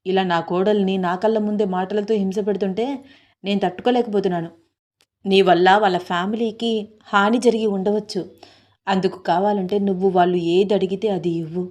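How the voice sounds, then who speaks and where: Woman reading as protective mother-in-law, scolding, indignant, medium pitch. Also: fairly even intonation, fairly quick, a little mellow, natural voice.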